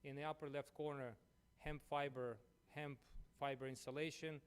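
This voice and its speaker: A man's voice: a little high, flat delivery, normal speed, clear, resonant tone. Ukrainian-accented man presenting at a conference. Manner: chatty, leans on "you know" and "uh". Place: conference room.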